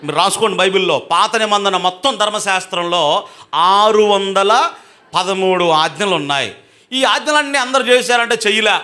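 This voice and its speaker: ఎత్తైన, పదునైన గొంతుతో చర్చిలో సంఘానికి ఉద్రేకంగా ప్రసంగించే పురుష pastor. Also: male voice, high voice. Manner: emphatic, urges the congregation to respond loudly; swings between slow drawn-out and fast speech. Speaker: pastor. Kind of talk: sermon to a live congregation. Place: church hall with a congregation.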